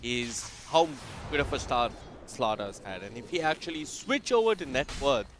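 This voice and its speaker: A man casting a live esports match, reacting quickly and eagerly to each play. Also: medium pitch, background noise. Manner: excitable, quick reactions to plays. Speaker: esports caster.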